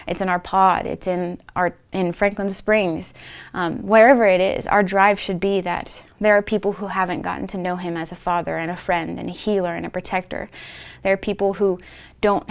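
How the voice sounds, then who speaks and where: A young woman giving an earnest devotional talk about missions. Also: fairly low pitch. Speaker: student speaking on missions.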